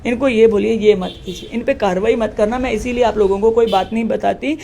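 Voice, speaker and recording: Emphatic woman village head, gravelly voice. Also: a little high, brisk, dark tone, a little hiss or hum. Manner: emphatic, acts out quoted dialogue. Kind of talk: recounting an incident in an interview.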